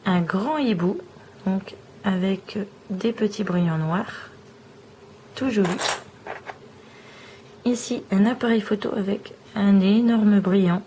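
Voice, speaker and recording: A woman vlogger showing off small trinkets one by one in a slow, admiring show-and-tell. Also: medium pitch, mellow, a little hiss or hum, poor audio.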